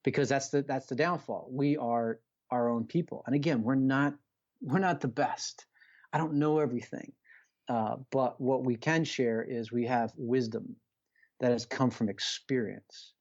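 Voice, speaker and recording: At a measured pace, a middle-aged man with a mid-range, darkish voice comes through with lo-fi sound. He's a guest coach on a podcast, motivating in an earnest, emphatic, conversational way, with repeated phrases and rhetorical questions.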